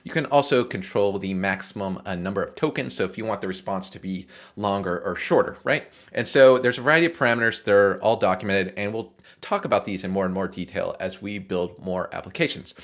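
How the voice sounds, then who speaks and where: In an informal screencast tutorial, a man with a lowish voice talks a little fast as he explains code. He hosts the programming walkthrough casually and frequently checks in with whoever's listening.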